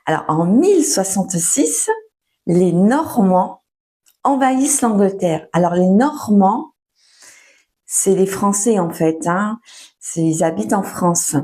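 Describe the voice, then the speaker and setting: A young woman teaches French in a relaxed, unhurried way, her voice sitting at an ordinary middle pitch. She stretches her words out, fills pauses with soft hesitations and often starts a sentence over. It sounds like a friendly lesson recorded at home. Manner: slow, patient, full of fillers and restarts, laughs often. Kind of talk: casual spoken lesson for learners.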